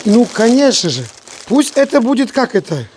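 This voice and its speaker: A woman's voice: a little high, very animated, normal speed, a little mellow, slight background noise. A woman with an Odessa Russian accent bantering casually as she cooks, playfully bossy and affectionate in a colloquial way. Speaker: home cook in a family food video. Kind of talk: casual banter while cooking.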